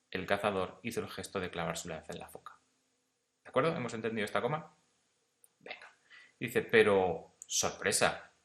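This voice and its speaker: A man teacher explaining punctuation step by step, often checking in with his students and reading quoted passages slowly. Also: deep voice. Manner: reads quoted text slowly and louder. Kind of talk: punctuation lesson.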